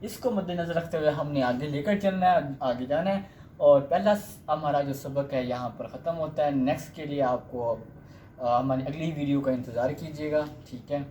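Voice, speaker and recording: A man teaching a language lesson in a patient, repetitive way. His voice is mellow and soft-edged. The recording is echoey, with a faint hum of noise underneath. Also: fairly high pitch, normal speed. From Pakistan. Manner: patient, repeats "theek hai" often. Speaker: Chinese teacher.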